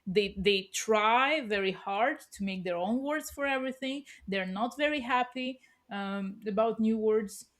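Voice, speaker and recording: A woman's voice: fairly high pitch, unhurried, fairly bright tone. A woman in a casual discussion, talking in a chatty, explanatory way and offering examples as a panel participant. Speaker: panel participant, language learner.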